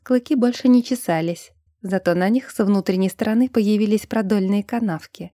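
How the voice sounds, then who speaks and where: Lady reading a story aloud, steady, warm dark voice, dry close mic. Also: mid-range voice, normal speed, no echo. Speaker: audiobook narrator. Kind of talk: scripted narration.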